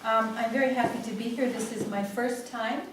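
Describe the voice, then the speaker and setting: A Greek woman in her sixties, a native speaker with a Greek accent, leads a family therapy seminar in a hall, lecturing with plenty of "um"s and checking in with "yeah?". Her voice is fairly high, steady in tone and fairly quick. The seminar-room recording is very echoey, noisy and taken far from the mic.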